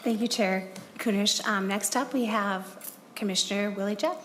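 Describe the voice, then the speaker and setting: A woman's voice: medium pitch, normal speed. A woman presiding over a legislative hearing, calling the next speaker in a brief, formal, procedural manner, heard on a hearing-room recording like a courtroom record. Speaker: presiding committee member. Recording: distant noisy hearing-room mic with clicks.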